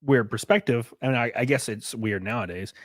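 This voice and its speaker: A man's voice: mid-range voice, moderate pace, dry recording, clean studio sound. A man hosting a casual podcast chat, rambling and ranting with lots of filler words. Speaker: host.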